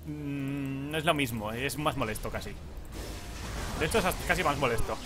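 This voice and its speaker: A Spanish-accented young man from Spain, a gaming YouTuber, speaks at mid pitch and moderate speed as he chats through his session. He laughs, swears about lag, and pretends to plead with the game, with faint music underneath.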